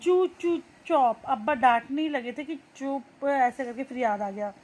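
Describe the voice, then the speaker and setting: A woman's voice: high voice, moderate pace. A young woman teacher reading a textbook story aloud and explaining each line in simple words. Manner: reads a line, then restates it in simple words.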